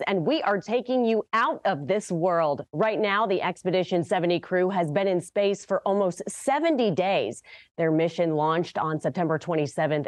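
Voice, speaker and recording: A woman's voice: medium pitch, darkish tone, no echo. American woman news presenter, very dry sound. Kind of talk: morning news interview.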